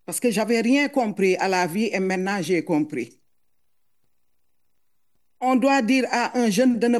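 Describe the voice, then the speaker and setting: A middle-aged woman with a foreign accent gives emotional public testimony as a mother. She speaks earnestly and haltingly, repeating words as she searches for them. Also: a little high. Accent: foreign accent in French.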